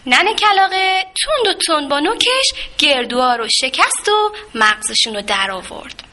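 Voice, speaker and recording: A woman narrating a children's story in a gentle, expressive way. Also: sits high. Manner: gentle, expressive, with sound effects.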